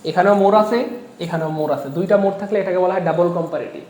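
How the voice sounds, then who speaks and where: High-voiced energetic tutor. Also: male voice, racing, roomy sound. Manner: energetic, repeats phrases, asks the audience questions. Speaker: exam-prep English teacher. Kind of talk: online class lecture.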